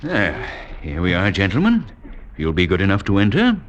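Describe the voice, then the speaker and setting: An actor playing a suave villainous doctor, formal and over-polite with menace, in a 1940s radio drama. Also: male voice, low-pitched, wildly swooping pitch, fairly quick, muffled recording. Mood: unctuous. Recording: noisy 1940s radio recording.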